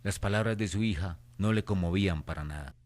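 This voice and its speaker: Low-voiced man narrating radio horror. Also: fairly quick, a little mellow.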